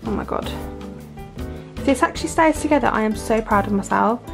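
A woman's voice: fairly high pitch, normal speed, gravelly, over music. A young British woman in her twenties chatting casually in a home vlog, bubbly and giggly, rambling as she goes. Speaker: vlogger. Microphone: handheld camera.

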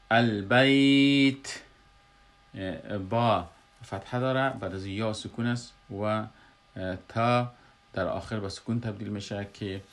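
A man with an Afghan Dari accent explaining a Quran recitation lesson, pausing often with filler sounds. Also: on the low side. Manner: halting, frequent filler hesitations.

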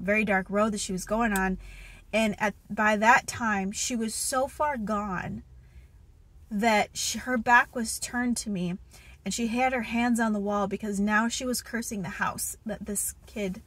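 Filmed on a phone held at arm's length inside a parked car, this woman in her thirties gives casual testimony and reads from the Bible. Her mid-range voice has a fairly bright tone as she earnestly recounts a spiritual dream, often using fillers and starting over.

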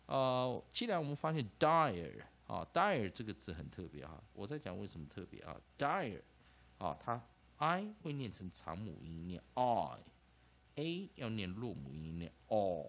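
A man's voice: sits low, a little slow, vocal fry. A man with a Taiwanese Mandarin accent, giving a classroom-style English phonics lecture, who keeps tagging phrases with "ah" and "ha" and repeats key terms. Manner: lively, peppers phrases with 'ah' and 'ha', repeats terms. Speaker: English teacher.

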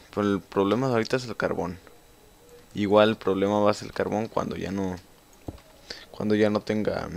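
Young Mexican man, low gravelly voice, chatty let's-play commentary, faint keyboard clicks behind. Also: a little hiss or hum. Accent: Mexican Spanish. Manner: chatty, swears freely, talks to himself while playing. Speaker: gamer. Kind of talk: casual gameplay commentary.

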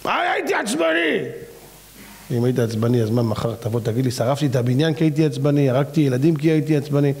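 A man, a rabbi, preaching a fiery sermon and firing off rhetorical questions with big swings in pitch. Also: flat delivery, hardly any pauses, mellow.

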